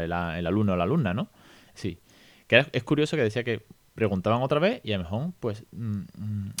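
A man in his thirties hosting a podcast, talking casually with frequent "¿no?" tags and animated rhetorical asides. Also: on the low side, no room sound. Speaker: podcast host.

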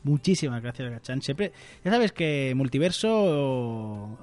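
A man's voice: mid-range voice, takes it slowly, soft background music. A man co-hosting a podcast in casual chat, reading listener comments aloud in a jokey way. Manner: animated, jokey, reads messages aloud. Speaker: podcast co-host.

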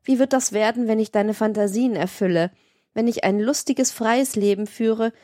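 A woman's voice: fairly high pitch, moderate pace, dark tone, no echo, clean studio sound, natural voice. A woman reading an audiobook, voicing a cold, imperious woman who commands her lover in a stern, haughty way. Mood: stern, commanding. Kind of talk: audiobook reading of a classic novel.

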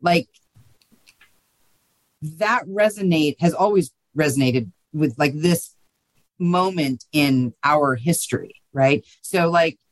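A woman with a voice on the low side answers interview questions as a guest writer, recorded dry. She's thoughtful and informal, often checking in with the listener and sprinkling in "you know" and "right."

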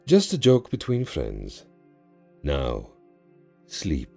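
A man's voice: very deep voice, wildly swooping pitch, creaky, a little mellow, faint music behind, exaggerated voice. A man voicing an ancient male jinn who speaks in grand, cryptic, teasing pronouncements in an audio drama. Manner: theatrical, teasing, drawn-out pronouncements.

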